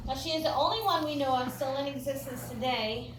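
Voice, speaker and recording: American female ghost tour guide, informal and jokey storyteller, fairly high voice, picked up from afar with clear noise. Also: brisk. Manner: folksy, joking, chatty storytelling. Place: indoor room of an old theatre. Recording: roomy echo, distant mic, clear background noise.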